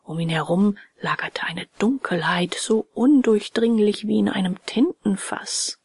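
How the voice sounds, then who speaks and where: A woman narrating a children's storybook in a hushed, often whispery voice. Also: medium pitch, unhurried, slightly rough, dry recording, studio quality. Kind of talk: storybook reading.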